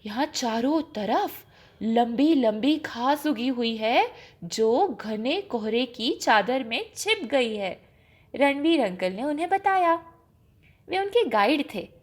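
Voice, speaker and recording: Telling a children's story, a woman with a high voice takes her time and speaks expressively. Broad swings in her intonation make the telling dramatic.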